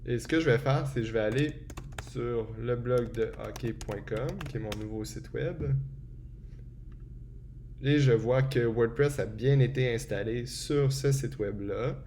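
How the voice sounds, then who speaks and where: A man walks through a software setup step by step in a relaxed tutorial, often pausing with hesitations. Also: mid-range voice, a little hiss or hum. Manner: relaxed and explanatory, frequent hesitations. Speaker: tutorial presenter. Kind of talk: screen-recorded software tutorial.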